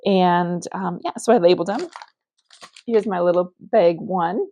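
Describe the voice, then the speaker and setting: Gravelly-voiced woman on a phone video. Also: on the low side, a little slow, mellow, muffled recording. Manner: chatty and meandering, thinking aloud. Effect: recorded as a phone video. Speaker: knitting vlogger. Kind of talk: casual morning vlog chat. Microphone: phone camera.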